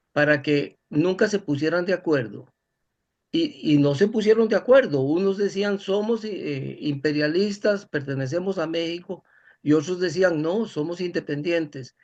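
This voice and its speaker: A man's voice: fairly high pitch, lo-fi sound. A man with a Costa Rican accent in an informal discussion, explaining things emphatically. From Costa Rica.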